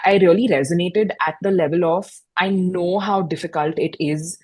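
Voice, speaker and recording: A woman's voice: lowish voice, moderate pace, darkish tone, husky. A young woman, a guest in a fireside chat, reflecting on her own experiences in a personal, storytelling way with frequent restarts. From India. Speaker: guest, mental health podcast host.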